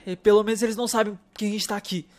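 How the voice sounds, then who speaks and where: A man's voice: sits high, fairly even intonation, rapid-fire. A man with a Brazilian accent chatting casually through a roleplay game, jumpy and full of anxious exclamations. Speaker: youtuber playing a roleplay game. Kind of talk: casual roleplay gameplay chat.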